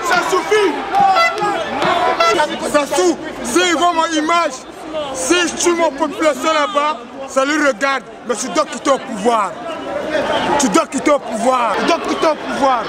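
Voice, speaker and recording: A male protester shouting and chanting at a street demonstration. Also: extremely high pitch, normal speed, long pauses. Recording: outdoor street crowd.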